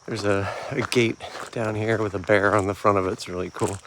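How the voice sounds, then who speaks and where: Relaxed man narrating his road trip to a handheld camera outdoors, with steady noise behind. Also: lowish voice. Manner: relaxed, chatty, with fillers and trailing pauses. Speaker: car club member filming a road trip. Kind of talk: casual travel vlog narration. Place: outdoors at a rental house, rivers and waterfalls. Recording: outdoor camera audio with clear background noise.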